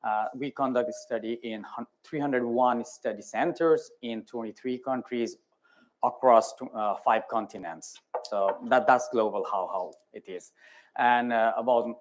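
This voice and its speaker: A man in his thirties from Nepal speaking on a conference panel in a measured, explanatory way. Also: mid-range voice. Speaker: clinical study manager on a panel.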